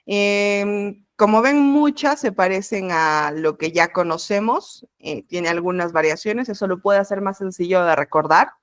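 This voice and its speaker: A woman teaches an introductory language class over a video call. She explains each point patiently and step by step. Her voice sits at a middle pitch, and the sound is close and dry, with no room echo. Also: measured pace, hardly any pauses. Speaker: French teacher.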